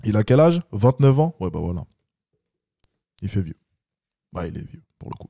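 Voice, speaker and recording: A man's voice: very animated, moderate pace, creaky, warm tone, dry recording, clean studio sound. A man giving blunt, lecturing reaction commentary as a dating coach. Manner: blunt, lecturing, mocks with high-pitched imitations.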